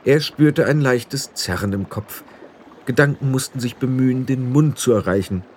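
A man narrating an audiobook in an expressive storytelling manner. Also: mid-range voice, moderate pace, a little hiss or hum.

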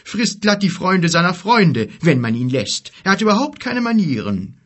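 A man doing a loud, combative giant. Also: sits high, very animated, moderate pace, breathy edge, voice pushed up, full character voice. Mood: gruff, combative. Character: quarrelsome male giant, blunt and gruff.

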